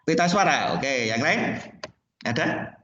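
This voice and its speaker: A man's voice: a little high, animated, slow pace, bright, forceful tone. Indonesian male music teacher in an echoey classroom. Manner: explains plainly, sings solfège notes, asks class questions. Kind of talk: classroom lesson. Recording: dull echoey classroom recording.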